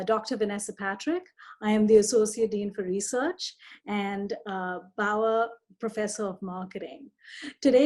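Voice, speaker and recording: A woman's voice: mid-range voice, darkish tone. A woman hosting a podcast interview, friendly and hesitant, with frequent fillers. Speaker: podcast host, associate dean. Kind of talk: interview conversation.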